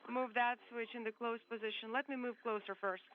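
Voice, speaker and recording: A woman's voice: fairly high pitch, fairly even intonation, brisk. A woman interpreting crew talk on a space-to-ground radio loop, speaking in clipped radio protocol through a crackly transmission. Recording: dull lo-fi radio with faint static.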